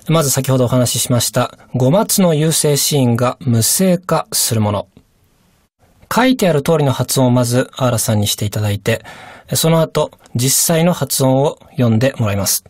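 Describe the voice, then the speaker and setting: A woman teaching a radio language course, giving calm, measured explanations and translations. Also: a bass voice, no room sound, clean studio sound. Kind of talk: scripted lesson explanation.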